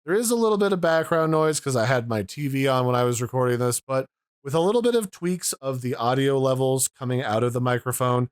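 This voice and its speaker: A man's voice: medium pitch, animated, fairly quick, smooth, no room sound, studio quality. A man giving a casual, explanatory demo of audio mixers, pointing out their controls, recorded at home. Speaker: tech reviewer. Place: home room.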